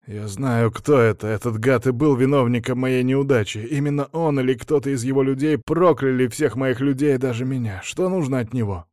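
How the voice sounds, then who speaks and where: A man's voice: medium pitch, a little fast, few pauses, darkish tone, dry recording, studio quality, lightly acted. A man voicing a scheming noble baron who fawns before his master. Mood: eager. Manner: pleading and eager to please.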